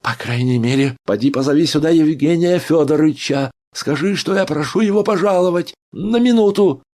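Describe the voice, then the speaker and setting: Man doing frightened male doctor, pleading, trembling voice, gravelly. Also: sits low, animated, a little slow, a little mellow, heavily acted. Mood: frantic demanding.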